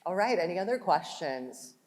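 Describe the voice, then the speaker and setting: Low-voiced woman, panel host, chatty and filler-heavy, reverberant conference hall. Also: big pitch swings, moderate pace, a little mellow. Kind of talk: corporate panel Q&A. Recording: hall reverb from room mic.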